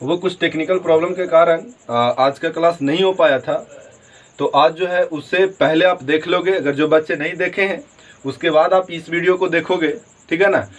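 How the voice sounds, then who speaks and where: High-voiced man teaching English grammar. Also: fairly even intonation, low-quality recording. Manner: explains slowly, repeats "theek hai na", spells words letter by letter. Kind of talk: online grammar lesson.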